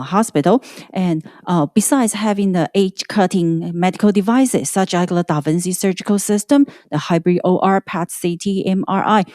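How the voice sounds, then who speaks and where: A woman speaking through a face mask gives a halting prepared presentation as a hospital representative, with frequent stumbles and self-corrections. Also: fairly low pitch, warm tone, dry recording, clean studio sound. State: sick.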